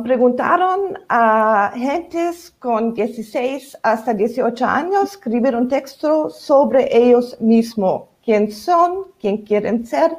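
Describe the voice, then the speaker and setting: A woman who is not a native Spanish speaker, talking with a foreign accent in a halting way as a novelist on a discussion panel. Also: a little high, darkish tone. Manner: halting, searching for words. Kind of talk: panel discussion of own writing.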